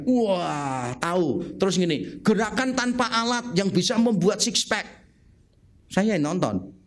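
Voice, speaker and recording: Male pastor, middle-aged, high-pitched, chatty and joking with the congregation; a storytelling sermon. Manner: jokey, storytelling, asks the congregation questions. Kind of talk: humorous sermon.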